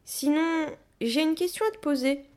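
A woman voicing an excitable young orphan girl in a storybook reading, bright and eager. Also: high voice, normal speed, voice pushed up, natural voice.

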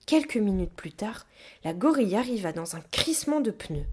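A woman narrating a children's storybook aloud in an expressive, animated way. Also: medium pitch, normal speed, breathy edge. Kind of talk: storybook reading.

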